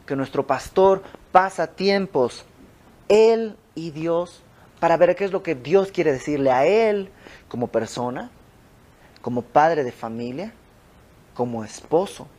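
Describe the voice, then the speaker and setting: A young man with a Mexican accent leading an informal Bible study in a house, teaching in a conversational way and acting out the stories. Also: on the high side. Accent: Mexican Spanish. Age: young adult. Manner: conversational, animated storytelling with quoted dialogue. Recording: home recording with audio flaws.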